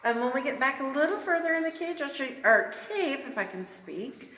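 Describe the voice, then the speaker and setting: A woman's voice: sits high, lively intonation, brisk, fairly bright tone, far from the mic. A woman working as a cave tour guide, explaining things informally to a group of visitors inside a large cave. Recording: very echoey cave, long reverb, background noise.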